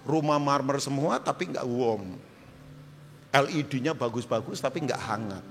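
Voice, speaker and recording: A middle-aged man preaching a sermon as pastor, joking and swinging from loud shouts to quiet asides. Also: medium pitch, unhurried, soft background music. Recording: reverberant church hall.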